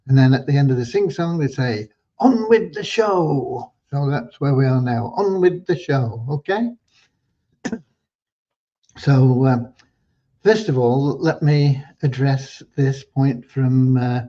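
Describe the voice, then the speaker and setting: An older man hosting a livestream Q&A with a prayer, talking at an unhurried pace with frequent ums and restarts. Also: mid-range voice, warm tone. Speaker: host of a community livestream. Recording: dull lo-fi livestream audio.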